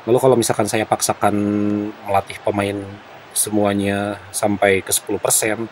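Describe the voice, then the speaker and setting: A man with an Indonesian accent doing casual game commentary for viewers, halting and clearing his throat as he smokes while talking. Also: lowish voice, flat delivery, heavy background noise. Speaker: gaming content creator.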